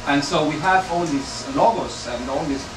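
Halting man on a panel. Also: on the high side, music in the background. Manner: halting, many restarts and fillers. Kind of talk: panel discussion answer. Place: gallery bookshop room with audience. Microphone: far camera. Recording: echoey room from far off, loud air conditioning hum.

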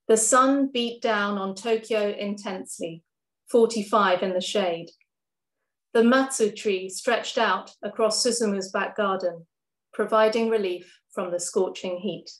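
A woman poet reads her own verse slowly and carefully, with a voice at an ordinary middle pitch. Between poems she slips into loose, chatty introductions with a few ums. The sound carries a noticeable room echo. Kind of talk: poetry reading. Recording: roomy echo.

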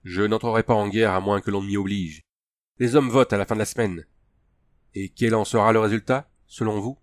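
A man plays a grave, principled colonel in a novel audiobook. The voice sits low and speaks in a firm, earnest way. The recording is close and completely dry. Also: steady tone, a little fast, no echo, close to an everyday voice. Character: stern principled male Union colonel.

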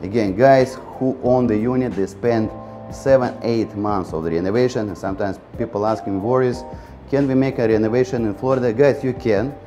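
A real estate agent with a mellow, medium-pitched voice gives a fairly quick, chatty walk-through of a bright condo, indoors and out on an ocean balcony. He keeps repeating "guys" and "again" and uses non-native grammar, with soft music playing behind him.

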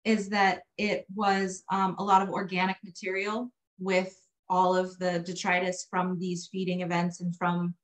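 A woman's voice: fairly low pitch, monotone, measured pace, hardly any pauses. Hesitant, candid woman answering questions. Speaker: exhibit curator giving a talk. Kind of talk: informal question-and-answer on a video call. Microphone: video call.

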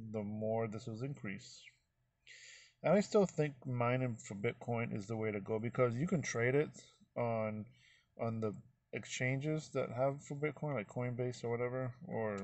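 A man's voice: medium pitch, a little slow, darkish tone, no echo, dull audio. A middle-aged man vlogging casually, walking viewers through his phone screen in a folksy, rambling way. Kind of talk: casual screen-recorded walkthrough.

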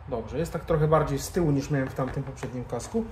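Speaking fast in a medium-pitched, darkish voice, a man works through a hands-on tutorial and mutters to himself as he goes. His tone is relaxed and informal; he's a motorcycle vlogger. Background noise and a roomy echo fill the indoor garage-bar lounge.

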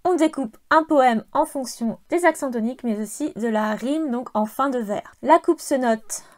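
A woman with a fairly high voice teaches poetry to her viewers. She explains rules in a clear, measured way, leaning on the important words as she goes. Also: a little mellow. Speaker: poetry channel host.

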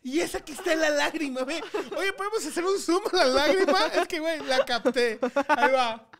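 A man's voice: extremely high pitch, a little fast, fairly bright tone, a little hiss or hum. A man with a Mexican accent co-hosting a comedy podcast, joking and teasing his co-host and laughing often. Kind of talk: casual chat.

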